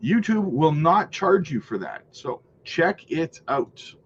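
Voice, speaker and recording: A man with a stuffy cold hosts a live crypto stream, slowly but very animatedly walking through price charts and greeting viewers, with frequent "right?" and "man." His voice is a little high, and the recording has its highs cut off plus a little hiss or hum.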